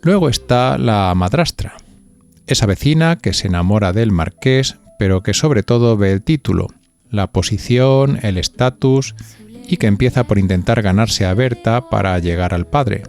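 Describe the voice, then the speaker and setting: This man, a podcast host with an accent from Spain, narrates from a script and asks his listeners conversational questions. He speaks at a normal speed in a fairly low, darkish voice, with soft background music.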